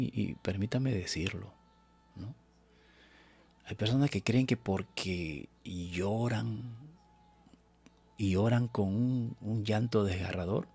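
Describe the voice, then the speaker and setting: A man's voice: lowish voice, gravelly, a little mellow, husky. A man preaching a Bible study sermon on a live stream, earnest and exhortative, often addressing his listeners as brothers.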